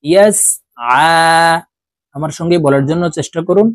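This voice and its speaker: A man teaching Quran letter reading, spelling out each syllable and then slowly drawing out the whole word. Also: on the high side, no echo. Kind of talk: slow spelled-out recitation lesson.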